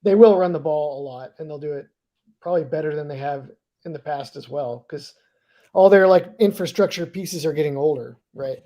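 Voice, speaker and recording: A man giving casual football analysis, thinking aloud with halting restarts. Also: a little high, warm tone.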